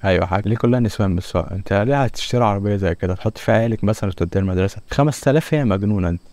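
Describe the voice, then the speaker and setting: A man's voice: fairly low pitch, racing, darkish tone, no room sound. A young man with an Egyptian Arabic accent commenting on a car dealer game as he plays, joking and haggling with its customers. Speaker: gaming YouTuber. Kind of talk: let's-play commentary.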